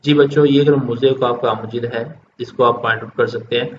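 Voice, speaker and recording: A man's voice: mid-range voice, steady tone, fairly quick. A man teaching children a Quran lesson, patiently explaining step by step and repeating his points. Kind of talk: recorded religious lesson for children. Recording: dull lo-fi recording with faint noise.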